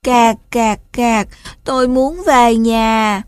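Lost baby duckling, weepy and whiny, slightly raised and louder; woman reader. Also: fairly high pitch, slow pace, no echo. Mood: tearful. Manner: whiny, tearful. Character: lost little duckling, crying and sulky.

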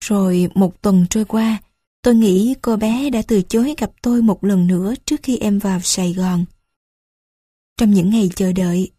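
A woman narrating a first-person story aloud in an unhurried, gentle reading. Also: medium pitch, breathy edge, no echo, studio quality. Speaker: audiobook narrator.

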